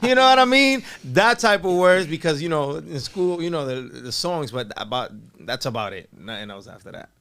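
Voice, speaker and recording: With hardly any pauses, a man in his forties, a Puerto Rico-born, Brooklyn-raised radio DJ, relaxes into storytelling as a podcast guest, laughing easily and filling gaps with "you know." His voice runs on the high side, animated, clean and fairly bright, at a normal speed.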